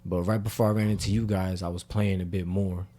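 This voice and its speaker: Mellow low-voiced man in casual chat. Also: a little fast. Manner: relaxed storytelling with fillers. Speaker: podcast co-host.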